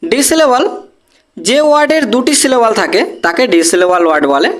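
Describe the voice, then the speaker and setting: Teaching English grammar in Bengali, this teacher has a medium-pitched, expressive, fairly bright voice and a moderate pace. They patiently break example words into syllables, repeating them, and frequently check that students follow.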